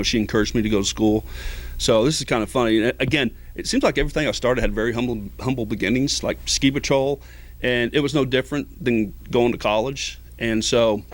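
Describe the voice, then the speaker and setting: A middle-aged man, a ski patroller, telling stories in a casual interview, rambling with many fillers. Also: medium pitch. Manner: rambling, many fillers, acts out quoted voices. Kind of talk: casual storytelling.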